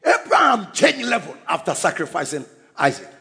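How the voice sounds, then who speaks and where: A male preacher delivering an emphatic sermon, often shouting and repeating his points. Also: sits high, sing-song, moderate pace, gravelly.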